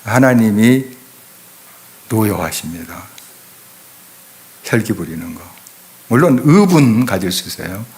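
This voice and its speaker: A middle-aged man preaching in a church, speaking emphatically and often turning to his listeners with questions. His voice sits on the low side, and he delivers the sermon with steady conviction. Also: takes it slowly, long pauses. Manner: emphatic, rhetorical questions to the congregation. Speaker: pastor. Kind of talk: expository sermon. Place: church sanctuary.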